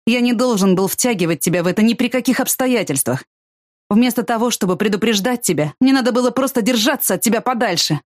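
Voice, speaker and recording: A woman reading the lines of a blunt, bitter young man of twenty in an audiobook, in a flat, matter-of-fact way. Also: fairly high pitch, fast talker, no echo, clean studio sound, voice pushed up. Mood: subdued.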